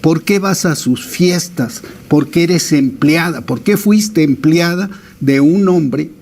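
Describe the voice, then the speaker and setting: A man's voice: on the high side, takes it slowly, a little mellow. A man, a producer in a heated debate, firing off confrontational rhetorical questions. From Mexico.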